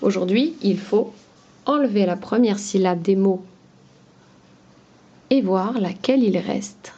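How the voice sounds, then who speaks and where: Woman teacher, unhurried, breaks words into syllables for kids; slightly muffled recording. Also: mid-range voice, dark tone, husky. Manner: patient, drawn-out syllables, repeats each word. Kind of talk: slow, clear teaching to young children.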